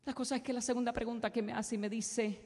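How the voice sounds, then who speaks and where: Woman preacher, high husky voice, fervent delivery, long church reverb. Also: flat delivery, fast. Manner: impassioned, swings from soft storytelling to loud exhortation. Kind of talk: sermon.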